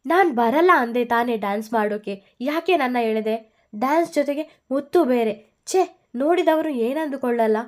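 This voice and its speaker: Woman playing a stubborn, sharp-tongued young wife. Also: high voice, expressive, normal speed. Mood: annoyed.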